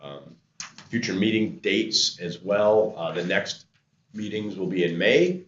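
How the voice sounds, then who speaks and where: Very deep-voiced man chairing a meeting. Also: animated, a bit bright. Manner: halting, many fillers and restarts. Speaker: committee chair. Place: large meeting room. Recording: roomy, dull, faint noise.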